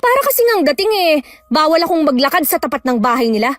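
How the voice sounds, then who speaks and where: An actress playing a gossipy, resentful wife who complains and argues defensively. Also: female voice, sits high, very animated, fast talker. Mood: bickering.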